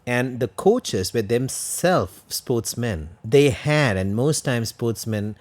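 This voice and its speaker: A man's voice: medium pitch, expressive, slow, a little mellow. A man co-hosting a podcast, explaining ideas earnestly and asking rhetorical questions. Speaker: podcast co-host.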